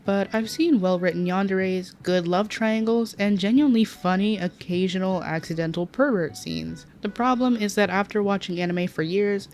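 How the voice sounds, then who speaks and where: A woman's voice: mid-range voice, normal speed, hardly any pauses, a little mellow, soft background music. A young woman talking through her anime commentary in a candid, self-mocking way and swearing at her own slip-ups, with a slightly nasal voice. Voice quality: says she sounds nasal. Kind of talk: casual scripted commentary with outtakes.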